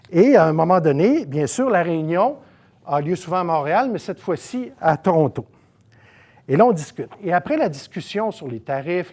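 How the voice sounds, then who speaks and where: A middle-aged man from Saguenay with a Québécois accent, giving a conversational seminar lecture with many asides and fillers. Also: a little high. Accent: Québécois French. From Saguenay, Quebec. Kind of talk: storytelling lecture.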